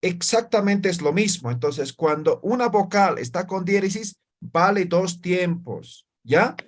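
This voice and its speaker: A man's voice: sits high, expressive, unhurried. A man teaching a language class, explaining step by step and checking often that students follow. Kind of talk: classroom lesson.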